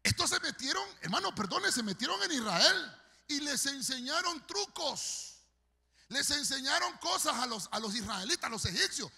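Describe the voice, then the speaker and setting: A man's voice: very high-pitched, big pitch swings, normal speed, gravelly, pushed and bright, in a large hall. A man preaching a sermon as pastor, fervent and storytelling, addressing the congregation directly. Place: large church hall.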